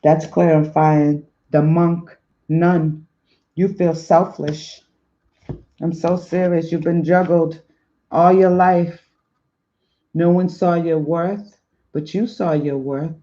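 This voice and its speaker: A man giving a slow, encouraging spiritual tarot reading to his viewers, repeating affirming phrases, on a dull lo-fi recording. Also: on the high side, steady tone, mellow. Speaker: spiritual life coach and tarot reader.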